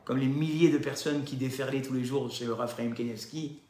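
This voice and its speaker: A man giving a religious lesson, talking straight to his listeners with lively rhetorical questions. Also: medium pitch, fairly quick, roomy sound. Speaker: religious teacher. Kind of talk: recorded Torah class lecture.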